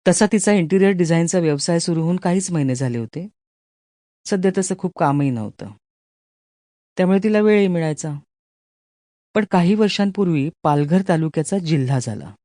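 A woman audiobook narrator reading a literary short story in a measured, storytelling manner, recorded close in a studio. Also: fairly low pitch, expressive, warm tone, dry recording. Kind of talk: scripted narration.

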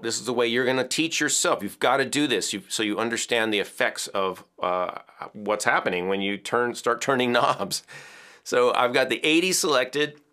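In his home music studio, a man with a bass-baritone voice and bright tone teaches audio as a music educator. The hands-on tutorial is relaxed and chatty, with gestures and small laughs; he has headphones on and the studio mic sits off camera.

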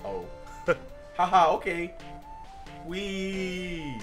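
A man's voice: high-pitched, sing-song, extremely slow, a bit bright, faint music behind. A young man joking and giggling while co-hosting a game playthrough, crude and teasing. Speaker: let's play co-host. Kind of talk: casual gameplay banter.

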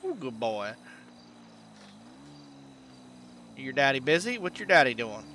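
A folksy country tow-truck driver with a drawl, played by a man. His voice sits in a middling pitch, with a bright edge to it. He chats along easygoing, friendly and plain-spoken. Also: sing-song, quick pace, a little hiss or hum. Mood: doting. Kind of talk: in-character game role-play.

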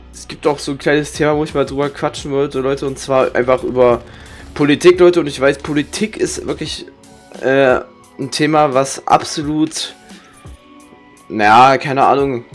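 A man's voice: medium pitch, a little slow, pauses often. Grumbling young man over music. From Germany. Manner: slangy, swearing, grumbling. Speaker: gaming streamer. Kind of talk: casual rambling gameplay commentary. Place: indoor room with webcam.

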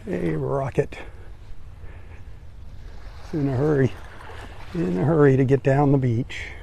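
An older man with a gravelly, mellow voice talks casually while walking a beach. He gives easy running commentary into the phone he holds, with faint outdoor sound behind him. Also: medium pitch, takes it slowly, slight background noise. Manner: relaxed, admiring running commentary. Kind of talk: casual live-stream commentary. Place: outdoors on a sandy beach by the sea. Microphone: phone held while walking.

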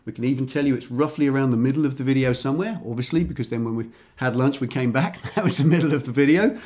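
Fast-talking man hosting a vlog. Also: medium pitch, darkish tone. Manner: chatty and enthusiastic. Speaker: channel host. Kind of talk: casual garage vlog. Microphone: standalone microphone.

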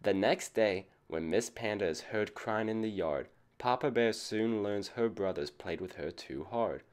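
A man with a lowish, smooth voice reads a picture book aloud to children at a measured pace. Like a teacher, he addresses his young listeners and asks them questions.

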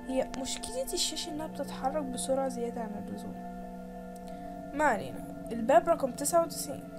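High-voiced Egyptian woman, jumpy gamer. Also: animated, fast. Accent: Egyptian Arabic. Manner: jumpy, panicky, shrieks and giggles when startled. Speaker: gamer playing a horror game. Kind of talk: let's play commentary. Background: game music.

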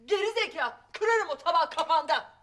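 Middle-aged mother, sharp-tongued, bright and forceful. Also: very high voice, expressive, normal speed, a little hiss or hum. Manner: scolding, sharp-tongued, flares into shouting. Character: Safiye, fiery middle-aged mother and wife. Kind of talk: TV comedy-drama acting.

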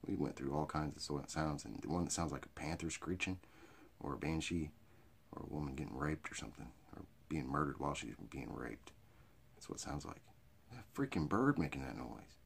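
A middle-aged American man with a hick drawl and a gravelly, raspy voice, rambling through off-the-cuff comedy to camera in a crude, rowdy redneck manner. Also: rumbling low, expressive, brisk. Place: small cluttered indoor storage room or workshop. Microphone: phone or webcam at arm's length.

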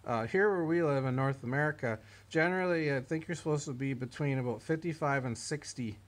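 A man's voice: mid-range voice, a little fast. Plain-spoken man demoing a generator. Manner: plain, matter-of-fact explaining with fillers. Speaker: equipment seller demonstrating a generator. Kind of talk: casual product demo. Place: indoor barn or workshop with concrete floor.

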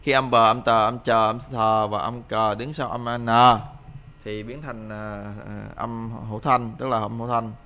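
A man's voice: medium pitch, level tone, unhurried, sharp tone. A man teaching a pronunciation lesson, explaining each point and repeating example words for the listener to drill, with frequent hesitant fillers.

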